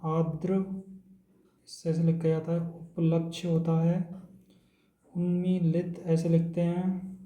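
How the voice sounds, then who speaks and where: A man teaching an exam-prep lesson in a steady, drilling manner, taking words one at a time. His voice is dark and mellow yet sits a little high, with a fairly flat, even melody. The room around him adds a noticeable echo. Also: slow, pauses often, lo-fi sound.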